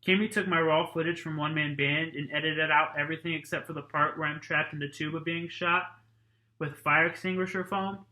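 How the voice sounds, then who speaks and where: A teacher reads a chapter book aloud to his class in a plain, unhurried way. His voice sits a little high and sounds very bright, almost sharp. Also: echoey room, poor audio. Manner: plain, steady reading with a casual tone. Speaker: teacher reading a novel aloud to students. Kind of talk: reading a novel aloud.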